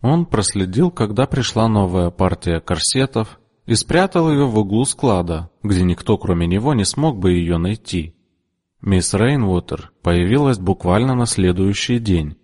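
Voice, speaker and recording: Expressive low-voiced male audiobook narrator. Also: unhurried. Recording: long room reverb.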